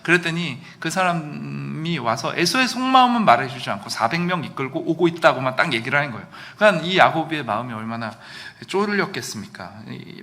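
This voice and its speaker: Animated bright-voiced male pastor preaching. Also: a little high. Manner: animated, acts out quoted lines with sudden loud outbursts. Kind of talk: sermon. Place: church sanctuary.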